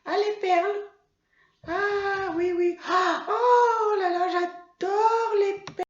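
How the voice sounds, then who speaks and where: A woman voicing Mimi, a hesitant little girl pupil who stumbles through guesses and brightens at the answers, with a roomy, slightly dull sound. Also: extremely high pitch, slow, pitched above the performer's own voice. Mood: delighted. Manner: stumbling guesses, sudden excited realizations.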